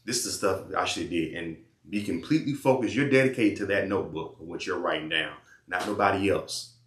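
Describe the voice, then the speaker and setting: Deep-voiced man lecturing bluntly in an echoey room. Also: a little fast, fairly bright tone. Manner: blunt, repetitive, slangy, preachy. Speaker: vlogger giving life advice. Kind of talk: casual advice monologue and phone chat.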